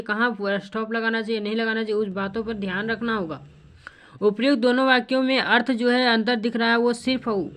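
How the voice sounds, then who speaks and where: A woman teacher explaining grammar in a lesson. She keeps asking the class for a nod and drops in fillers, and she slows right down to read example sentences. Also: on the high side, a bit bright. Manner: repetitive, checks in with "है ना" and filler "जो है"; reads example sentences slowly and deliberately.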